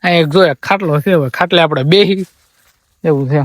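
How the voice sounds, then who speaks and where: Speaking fairly quickly in a slightly high voice, a young Gujarati vlogger from India talks to viewers from his family farm. He comes across as subdued, rambling and repetitive, frequently quoting other people, on a dry recording.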